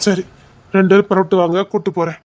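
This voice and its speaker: A man's voice: high-pitched, little pitch movement, quick pace, a little mellow, no room sound, close to an everyday voice. A man as a caring, teasing young villager, Tirunelveli accent, dry recording, web drama. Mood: coaxing. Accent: Tirunelveli Tamil. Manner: affectionate, teasing, easygoing. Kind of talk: web series drama acting.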